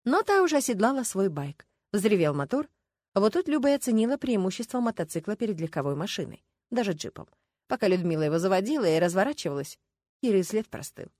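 A woman narrates an audiobook with lively, ironic storytelling. Her pitch sits in the middle of the range. The recording is dry and close, with no room sound. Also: quick pace, no echo. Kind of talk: scripted narration.

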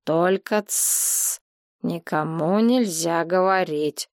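A woman voicing a tipsy, capricious young woman who talks in a slow, slurred and whiny way, recorded dry and close. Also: fairly low pitch, no echo. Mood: whiny drunk.

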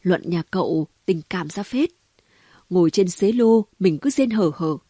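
A woman reading an audiobook voices a gossipy, sharp-tongued city woman who talks in quick exclamations and mockery. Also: on the low side, animated, dry recording, studio quality. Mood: gossiping. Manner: chatty, mocking, full of exclamations.

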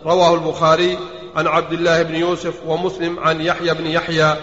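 A man reads out chains of narration in a steady, formal recitation, his voice sitting a little high. The sound is dull and lo-fi, with a long echo from a large hall. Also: fast. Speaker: student reading aloud. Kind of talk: reading hadith chains aloud in a study circle. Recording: dull echoey hall recording.

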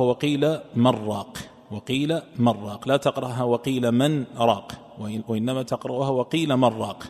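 A man giving a religious lesson on Quran exegesis, reciting verses slowly and repeating phrases to explain them. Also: mid-range voice, a little mellow. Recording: long hall reverb.

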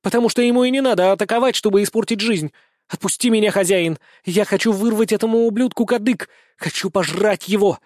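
A man's voice: high-pitched, a little fast, darkish tone, dry recording, clean studio sound, voice pushed up, natural voice. A man voicing a fierce, hot-tempered young she-wolf woman who snarls and hisses. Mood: furious. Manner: snarling, furious, hissing.

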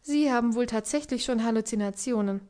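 A woman reading a hurried, lively hostess. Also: fairly high pitch, lightly acted. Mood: irritated. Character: busy, warm young hostess.

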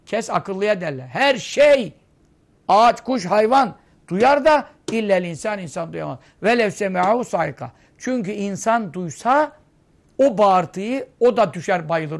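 A male preacher giving a storytelling sermon, reciting Arabic phrases and explaining them, acting out cries and dropping to low murmurs. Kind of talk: religious talk.

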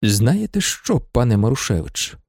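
A cool, sardonic merchant who speaks low and unhurried, with a dark gravelly tone, as a male narrator voices him. Dry close sound with faint music underneath. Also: very animated, no echo, heavily acted.

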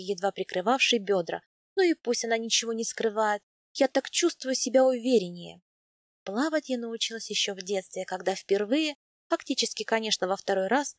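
A woman reading a first-person novel aloud in an even, intimate storytelling manner. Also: a little high, dry recording, studio quality. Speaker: audiobook narrator. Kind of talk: first-person scripted narration.

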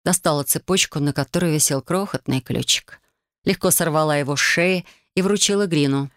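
A woman narrating a first-person novel as an audiobook, reading in a lively, expressive way. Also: deep voice, brisk, dry recording, clean studio sound.

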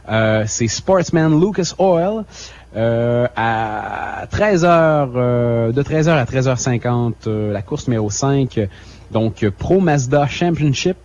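Halting man reading a race schedule. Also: mid-range voice, darkish tone, highs cut off, slight background noise. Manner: hesitant, many fillers, self-mocking. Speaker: radio co-host. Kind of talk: casual radio chat, reading a schedule.

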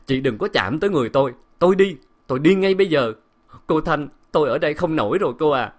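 A man's voice: a little high, animated, fast talker, pitched above the performer's own voice. A man voicing an old female household servant who weeps and pleads in a storybook reading. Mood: defiant. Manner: sobbing, pleading.

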